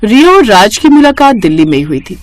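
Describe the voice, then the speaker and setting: A woman narrating a scripted family story with lively, expressive delivery. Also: medium pitch, fairly quick, no room sound.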